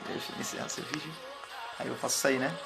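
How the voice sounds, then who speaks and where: A man's voice: mid-range voice, steady tone, fast, gravelly, over loud music. A man coaching public speaking on a casual live stream, rambling and thanking viewers by name as they join. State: sweating. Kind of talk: live stream chat, reading viewer comments. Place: indoors, warm room.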